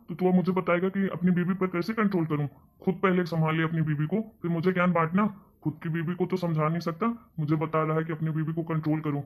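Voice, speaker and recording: A man's voice: a little high, close to an everyday voice. A man voicing a grumpy older father in a cartoon story, grumbling and scolding. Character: grumpy older father, husband of the mother-in-law. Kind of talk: cartoon voice acting.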